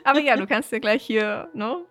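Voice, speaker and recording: A woman's voice: a little high, normal speed, a bit bright, faint music behind. A woman in her thirties co-hosting a casual podcast, breaking into laughter often. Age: 30s. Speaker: podcast co-host.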